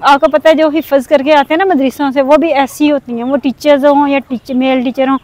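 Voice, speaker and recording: High-voiced woman vlogging outdoors. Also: fairly even intonation, a little fast, darkish tone, dry recording. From Pakistan. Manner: aggrieved and earnest. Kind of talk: casual vlog talk. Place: outdoors in a village.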